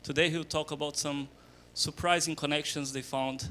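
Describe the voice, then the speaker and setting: Male session chair, bright tense voice, formal intro, slight hiss. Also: fairly high pitch, fairly even intonation, normal speed.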